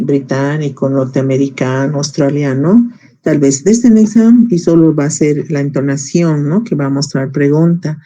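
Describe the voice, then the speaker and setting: A man's voice: on the high side, dark tone. A man teaching an English grammar class in Spanish, explaining patiently step by step and quizzing his students.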